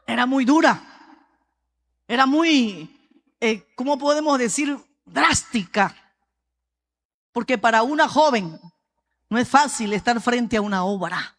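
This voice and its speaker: A Peruvian woman pastor preaches a sermon with personal testimony in a reverberant hall, speaking Peruvian-accented Spanish. Her voice is on the high side and a little slow with long pauses, and her storytelling is lively, often calling out "brother" to the congregation.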